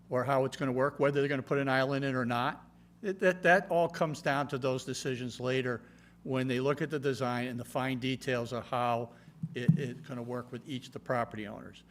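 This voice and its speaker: A man's voice: mid-range voice, steady tone, brisk. A man answering as an engineer at a public meeting, explaining in a matter-of-fact way. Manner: matter-of-fact, checking with "okay?". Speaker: project engineer. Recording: noticeable background hum and noise.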